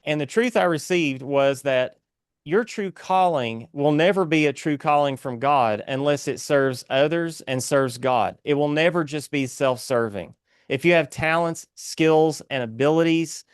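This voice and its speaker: An Appalachian-accented man talks in a smooth, clear voice pitched a little high. He speaks as an earnest guest with a preacherly, exhorting way about him. The sound is close and dry. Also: no room sound. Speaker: guest author. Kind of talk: earnest inspirational interview talk.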